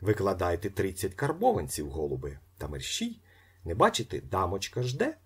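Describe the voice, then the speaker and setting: A man's voice: wildly swooping pitch, moderate pace, husky, heavily acted. A man doing a smug, needling con man. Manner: smug, needling, sometimes hissing low. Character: sly, self-assured young male con man.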